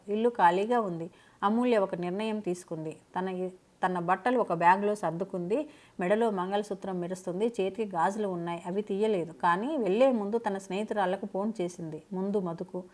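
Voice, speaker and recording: A woman narrating a scripted family drama in a steady, dramatic storytelling manner. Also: medium pitch, brisk.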